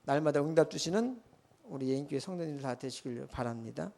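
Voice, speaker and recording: A man preaching a sermon as a church pastor, telling a story with animated swings between loud outbursts and quiet asides. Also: fairly high pitch, brisk, vocal fry.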